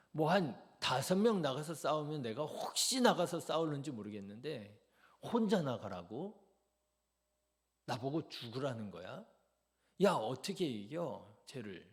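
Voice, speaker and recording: A man preaching an early-morning sermon, animated and acting out the quoted lines. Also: fairly high pitch. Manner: animated, acts out quoted lines with rising loudness. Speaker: pastor.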